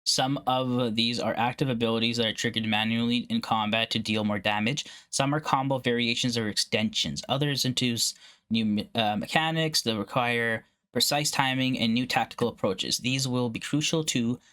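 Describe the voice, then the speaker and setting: A man's voice: medium pitch, fairly even intonation, bright, forceful tone. Man stumbling through a read-aloud. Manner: halting reading with frequent uhs and self-corrections. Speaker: gaming channel host. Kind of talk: reading an article aloud and reacting.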